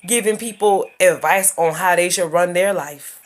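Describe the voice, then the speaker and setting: In a casual advice video, a woman in her thirties addresses her viewers directly with life advice, her voice on the low side and her speed normal. She comes across as emphatic and preachy, circling back to the same points.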